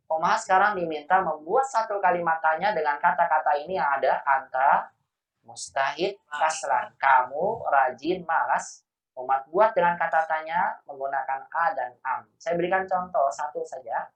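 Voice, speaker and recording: A man's voice: fairly high pitch, fairly quick, a bit bright, soft background music. A man teaching a language class, patiently correcting students and explaining grammar. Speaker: Arabic teacher. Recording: echoey, distant, muffled.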